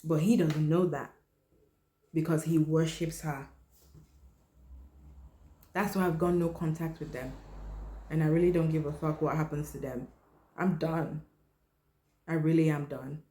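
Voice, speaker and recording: A woman hosting a podcast, telling a personal story in a blunt, candid way and often dropping her voice low. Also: steady tone, measured pace, pauses often, warm tone. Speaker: podcast host. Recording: roomy echo.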